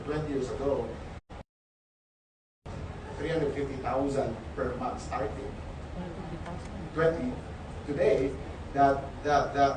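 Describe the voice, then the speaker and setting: Stammering Filipino man in an echoey hall. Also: medium pitch. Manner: stammering, many repeated words. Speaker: speaker at a company event. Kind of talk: personal success story. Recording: echoey hall from far off, noisy.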